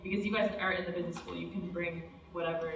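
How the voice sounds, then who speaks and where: A woman's voice: on the low side, level tone, quick pace. A woman student government officer talking persuasively in a meeting discussion. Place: meeting room. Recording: echoey room from far off.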